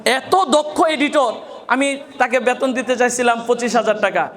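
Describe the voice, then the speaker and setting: At a moderate pace and in a very high voice, an Islamic scholar from Bangladesh delivers a farewell motivational speech to students. He keeps posing rhetorical questions to his audience.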